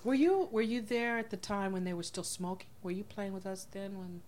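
A woman hosting a casual interview, chatty and relaxed, laughing often and filling pauses with "um" and "uh.". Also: mid-range voice, slight background noise. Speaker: podcast host.

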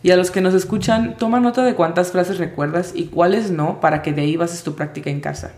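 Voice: mid-range voice, a little fast, darkish tone. A language teacher giving a spoken lesson, patiently spelling out sounds letter by letter. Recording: roomy echo.

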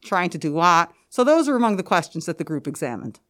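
A woman's voice: lowish voice, very animated, fast talker, a bit bright. A woman with an American accent giving explanatory interview answers, articulate and emphatic with rhetorical questions, slightly muffled by a mask. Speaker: interview guest, school administrator and researcher. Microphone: podcast microphone, through a face mask.

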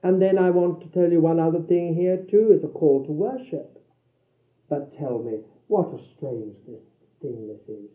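A man preaching a sermon, swinging between loud declarations and hushed low phrases and repeating lines for emphasis. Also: normal speed. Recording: tinny, echoey old hall recording.

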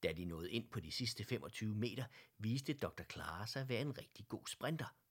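A man with a Danish accent narrating a children's storybook in a gentle, even way. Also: lowish voice, breathy edge.

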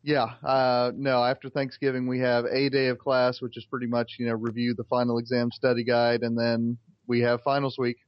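Guy cohost chatting on a podcast, average pitch, dry kinda dull audio. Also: level tone, moderate pace, few pauses, no room sound. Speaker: podcast co-host; English professor. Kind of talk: casual podcast chat.

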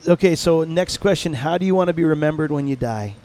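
Upbeat host asking numbered questions. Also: male voice, fairly high pitch, expressive, fast talker, a little mellow. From upstate New York. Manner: friendly, asks numbered questions, laughs easily.

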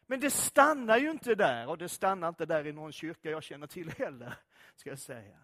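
High-voiced man preaching a sermon. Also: lively intonation, a bit bright. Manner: conversational, filler-heavy, asks listeners direct questions. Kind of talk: sermon with scripture reading.

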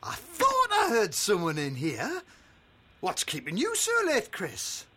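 Husky, high-voiced glum colleague. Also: male voice, wildly swooping pitch, slow, sharp tone, exaggerated voice. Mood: glum, probing. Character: lonely, glum male colleague working late.

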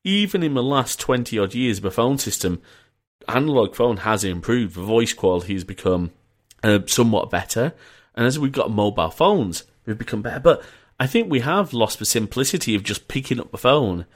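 A man with a northern English accent from Yorkshire, hosting a casual podcast chat over an internet call, chatty and rambling with joking asides. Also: mid-range voice. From North of England. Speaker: podcast host.

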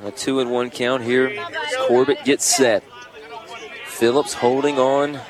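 A man's voice: mid-range voice, little pitch movement, slow. A man giving live baseball play-by-play in short, clipped descriptive calls. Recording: outdoor ballpark with clear crowd noise. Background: ballpark crowd.

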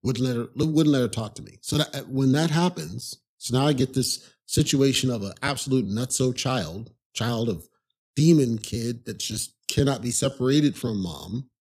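A man's voice: medium pitch, normal speed, a little mellow, slightly rough. A man hosting a podcast, telling a personal story in a casual, rambling monologue full of "you know" asides. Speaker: podcast host.

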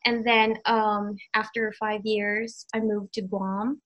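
Her voice is mid-range and a bit bright, with little pitch movement and a slow pace, though the audio quality is poor. She is a Filipino woman in her thirties, a native Tagalog speaker and online program graduate, speaking with a Filipino accent in a casual, hesitant interview full of fillers and restarts.

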